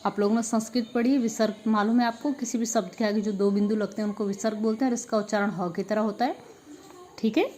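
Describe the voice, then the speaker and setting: This woman teaches Hindi at a school and is reviewing grammar with her class, talking fast in a warm, steady, medium-pitched voice. Patiently she asks questions and supplies the answers herself, often dropping in "ठीक है" as a filler.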